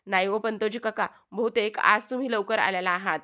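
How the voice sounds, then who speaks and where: A woman voicing a spirited, questioning young girl who talks back in a high, insistent voice. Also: fairly even intonation, fairly quick, sharp tone, natural voice.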